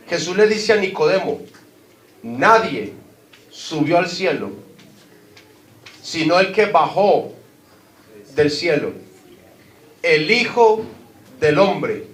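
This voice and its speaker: A man whose voice sits high and a bit bright preaches as pastor, carrying a Colombian Spanish accent. Recorded in an echoey hall, he asks the congregation questions and underlines his points with rising emphasis.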